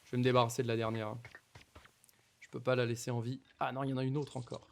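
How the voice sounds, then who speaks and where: A man's voice: medium pitch, flat delivery, fast talker, creaky. A man giving casual commentary on his Minecraft playthrough, talking to the mobs and to viewers, repeating nervous exclamations in tense moments. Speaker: gaming YouTuber.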